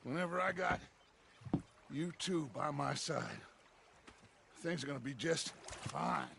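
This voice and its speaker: An actor playing a reassuring outlaw leader who talks haltingly, promising things will be fine. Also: male voice, fairly high pitch, gravelly, bright, forceful tone, a little hiss or hum, heavily acted.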